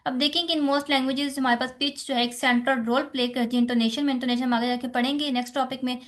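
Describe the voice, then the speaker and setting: A woman's voice: sits high, fairly even intonation, fast talker. A woman with a Pakistani accent giving a lecture on phonetics, explaining step by step, asking rhetorical questions and checking in with "theek hai". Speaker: teacher. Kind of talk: exam-focused lecture on phonetics.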